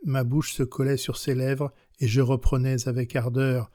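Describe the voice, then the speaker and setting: Man voicing a passionate young countess, audiobook, measured delivery, steady flat pitch, dry close sound. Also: no room sound, lightly acted. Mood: recounting. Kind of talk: audiobook reading of a classic novel.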